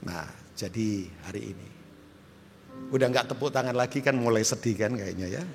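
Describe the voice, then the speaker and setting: A middle-aged man preaching a sermon as pastor, joking and swinging from loud shouts to quiet asides. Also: lowish voice, moderate pace, gravelly, faint music behind. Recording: reverberant church hall.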